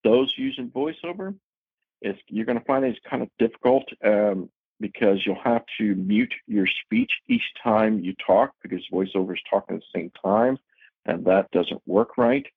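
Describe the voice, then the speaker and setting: A man's voice: lowish voice, very animated, moderate pace, creaky, slightly rough, dry recording. A man giving a casual, chatty talk to a technology user group, explaining features with frequent fillers. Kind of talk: casual presentation. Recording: tinny phone-like audio.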